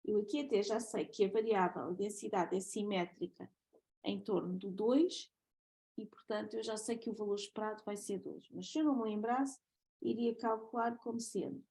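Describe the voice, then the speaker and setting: A woman's voice: mid-range voice, fairly even intonation, normal speed, dark tone, husky, poor audio. A woman with a European Portuguese accent giving a recorded math lecture, explaining step by step and checking in with "ok?" often.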